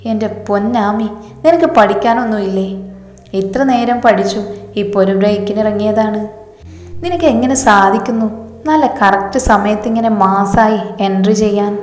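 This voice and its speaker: A man's voice: high-pitched, normal speed, natural voice. A woman voicing a doting, protective young husband who talks tenderly and teases. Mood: teasing. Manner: tender, teasing. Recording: echoey hall reverb.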